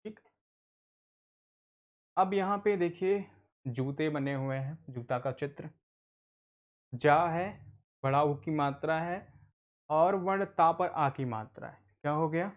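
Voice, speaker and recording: A man's voice: a little high, slow, long pauses, narrow, tinny audio. A man teaching an adult literacy class, patiently spelling out words and answering his own questions. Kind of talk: online Hindi reading lesson.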